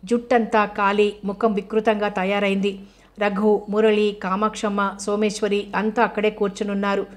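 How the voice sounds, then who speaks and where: A woman narrating an audio novel in a measured, unhurried reading. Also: medium pitch, level tone.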